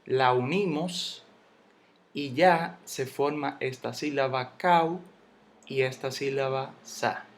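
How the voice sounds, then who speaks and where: A man teaching a Spanish spelling lesson, slowly spelling out syllables and letters. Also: medium pitch, slight background noise.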